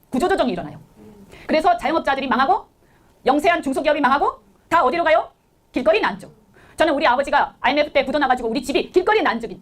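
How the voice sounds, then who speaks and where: A middle-aged woman delivers a blunt, indignant political speech at a breakneck pace. Her voice sits very high and swings up and down with lively intonation. She keeps firing rhetorical questions at the listener. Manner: emphatic, full of rhetorical questions. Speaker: political speaker.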